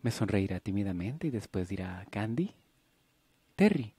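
A man's voice: lowish voice, big pitch swings, normal speed, very noisy. A man voicing Candy, a bubbly young nurse. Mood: eager. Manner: bubbly, teasing, wistful. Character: cheerful, impulsive young woman nurse. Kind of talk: audiobook character voicing.

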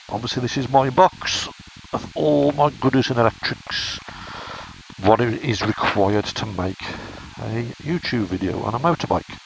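An English man who vlogs about motorbikes reviews a camera in a casual, chatty way, explaining things as he goes in a deep, gravelly voice. He's recorded on the action camera's helmet mic, so the sound is rough with a light hiss behind it. He starts at home and in the garden, then heads outside to his motorbike.

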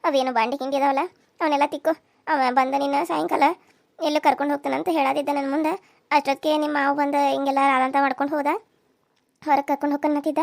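A woman's voice: high-pitched, flat delivery, quick pace, creaky, dry recording. A woman with a North Karnataka accent voicing a weary older village mother-in-law in a cartoon serial, resigned and brusquely ordering chores. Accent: North Karnataka Kannada.

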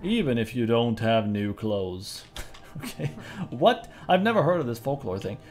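Lively man playing a video game. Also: mid-range voice, normal speed, slight background noise. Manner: playful, chatty, laughs often. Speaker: gaming YouTuber. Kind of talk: let's play commentary, reading game dialogue aloud.

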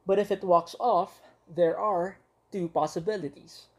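Mellow-voiced woman reading a children's story. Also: fairly low pitch. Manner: expressive, with dramatic pauses and playful voices. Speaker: teacher. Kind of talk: storybook read-aloud for young children.

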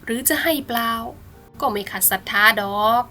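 A woman voicing a greedy, sneering rich old man from the village in a bedtime storybook, who talks slowly and smugly. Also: bright, forceful tone, soft background music, natural voice. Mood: coldly scheming. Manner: mocking, slow and smug.

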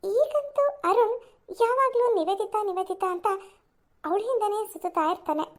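A woman's voice: extremely high pitch, lively intonation, moderate pace. A woman narrating a cartoon story in a plain, matter-of-fact way.

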